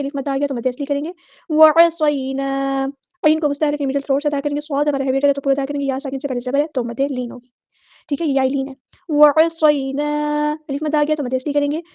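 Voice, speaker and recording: Lady teaching tajweed, high but kind of flat and mellow, dull dry lo-fi audio. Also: no echo. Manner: explains each rule briskly, then recites words slowly with long drawn-out vowels; methodical, repeating set phrases for every letter. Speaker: Quran recitation teacher. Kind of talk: tajweed lesson, explaining rules and reciting slowly.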